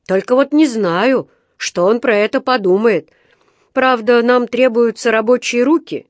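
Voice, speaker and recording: A woman reading a storybook aloud, voicing an unfriendly male factory gatekeeper who talks in a loud, mocking way. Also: fairly high pitch, measured pace, no echo, pitched above the performer's own voice, close to an everyday voice. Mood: sneering. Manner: sneering, loud, teasing.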